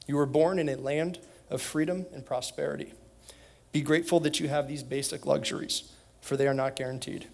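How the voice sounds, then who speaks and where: A man's voice: a little high, gravelly. A young man, a former student, giving a prepared graduation speech with an earnest, direct manner. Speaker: graduation speaker, alumnus. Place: school event hall.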